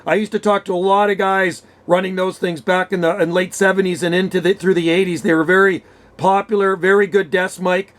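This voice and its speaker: A CB enthusiast around sixty from western Canada tells stories on the radio in a brisk, high, slightly bright voice with little pitch movement. His chatty, lively reminiscing goes out over a vintage desk radio microphone.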